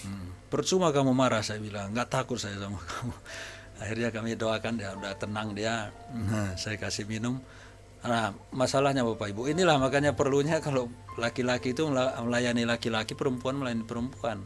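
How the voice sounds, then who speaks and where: A man preaching to his congregation as a pastor, telling anecdotes from his visits in a relaxed, conversational way. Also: mid-range voice, a little fast, faint music behind. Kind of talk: sermon testimony to a congregation. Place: church service.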